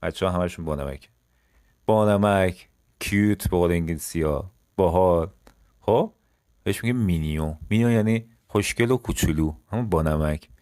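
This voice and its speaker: Deep-voiced man teaching French, slow drills. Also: darkish tone, no echo, clean studio sound. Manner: slow, exaggerated model sentences between fast explanations. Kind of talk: language lesson.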